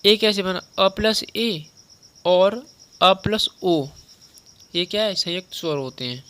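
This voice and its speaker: A young male teacher with a high, bright voice gives a relaxed grammar lesson. His delivery is crisp and clear, and he keeps repeating definitions and asking the listener questions. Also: takes it slowly. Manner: conversational, repeats points and quizzes the listener. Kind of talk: spoken lesson on Hindi grammar.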